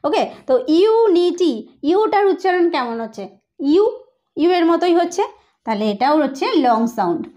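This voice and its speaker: A woman with a high voice teaches an English pronunciation lesson. She spells words out letter by letter and breaks each one into its parts. She often pauses to ask whether it is clear. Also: animated, warm tone, muffled recording. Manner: explains step by step, often checks understanding.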